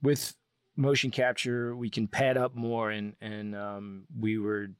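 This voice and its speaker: A man with a lowish voice speaks as a guest in a relaxed interview. He rambles enthusiastically through his stories and often starts his sentences over. His voice sounds dry and close. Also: takes it slowly, smooth, no room sound. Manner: enthusiastic, rambling explanations with frequent restarts. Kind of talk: casual interview storytelling.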